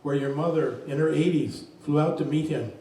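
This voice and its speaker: A man's voice: on the high side, mellow. Man reading poems in an echoey room. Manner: slow, measured reading voice. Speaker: poet reading his work. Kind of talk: poetry reading. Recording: very echoey room, distant mic.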